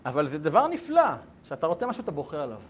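A rabbi teaches a Torah lesson to a group, his high voice animated and full of rhetorical questions. He swings between hushed asides and loud bursts. The recording sounds slightly dull, with a little hiss or hum.

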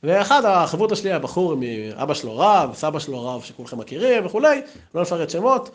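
A man giving an anecdotal memorial talk as a yeshiva teacher, telling stories in a lively way. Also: fairly high pitch. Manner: lively, storytelling, acts out quotes.

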